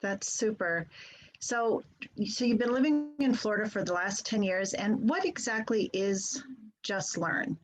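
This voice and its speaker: A woman's voice: mid-range voice, expressive, a little slow, rough recording. A middle-aged woman with a mid-range voice leads an interview over a video call. She asks her questions in a friendly, conversational and curious way.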